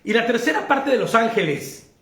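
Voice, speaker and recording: High-voiced Mexican man leading Bible study. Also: sing-song, moderate pace, fairly bright tone, reverberant. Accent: Mexican Spanish. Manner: questioning, checks in often with his listeners; laughs easily while teaching. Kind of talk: interactive Bible study lesson.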